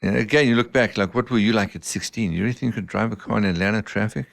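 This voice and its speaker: A middle-aged man, a surgeon as guest, telling relaxed stories in a casual interview and often poking fun at himself. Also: lowish voice, rapid-fire, gravelly, dry recording, clean studio sound. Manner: relaxed anecdotal storyteller, self-mocking, laughs often. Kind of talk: casual podcast interview storytelling.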